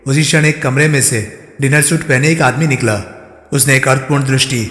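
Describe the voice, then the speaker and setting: Man reading a mystery audiobook, measured, echoey room w long reverb. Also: mid-range voice, steady tone, fairly bright tone. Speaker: audiobook narrator. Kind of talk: scripted narration. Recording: roomy echo, long reverb.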